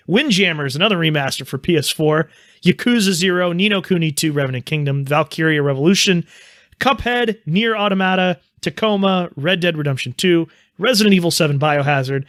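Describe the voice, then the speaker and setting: A man's voice: on the high side, expressive, a little fast, a bit bright, no room sound, studio quality. Upbeat male podcast host. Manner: upbeat, leads the segments. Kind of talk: casual podcast chat.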